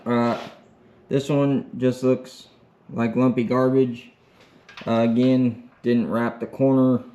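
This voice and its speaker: Male DIY truck vlogger, plain-spoken and easygoing, average pitch, off-the-cuff delivery. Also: level tone, takes it slowly, warm tone, lo-fi sound. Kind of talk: casual, unscripted vlog talk.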